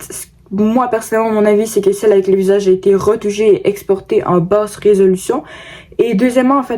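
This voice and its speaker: A woman's voice: medium pitch, dark tone. A woman YouTuber casually commenting on online photos, talking in a hesitant way with frequent fillers and restarts. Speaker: YouTuber presenting paranormal photos. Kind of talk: casual commentary over screen recording.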